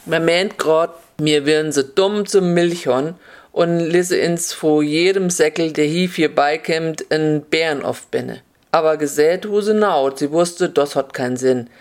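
A storyteller reading a tale in Upper Hessian dialect, drawing out key words slowly. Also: medium pitch.

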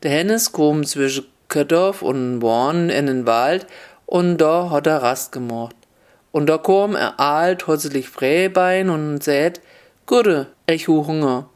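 Taking his time, a man narrates a fairy tale with a clean, slightly high voice. He tells it folksy-style, weaving dialect into the storytelling.

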